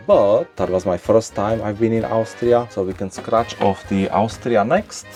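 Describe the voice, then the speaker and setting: A man in his forties from Slovakia, a native Slovak speaker, chatting casually to camera as a travel vlogger in a relaxed way. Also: deep voice. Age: 40s.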